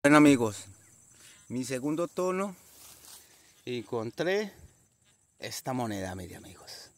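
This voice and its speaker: A man's voice: mid-range voice, big pitch swings, slow. A man narrating a casual outdoor metal detecting vlog, chatty and constantly addressing his viewers as friends. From Colombia. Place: outdoors in nature.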